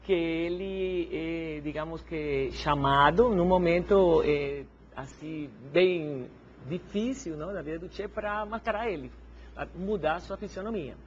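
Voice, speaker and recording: A woman, a Spanish speaker, answering in a TV interview as guest; she speaks haltingly and keeps adding little "no?" tags. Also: fairly low pitch. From Cuba. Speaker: guest, filmmaker and museologist. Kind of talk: TV interview conversation. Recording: dull TV broadcast sound with faint hiss.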